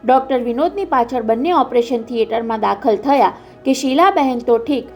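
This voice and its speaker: A woman narrating an audiobook with a dramatic, steady reading. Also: fairly high pitch, moderate pace, faint music behind.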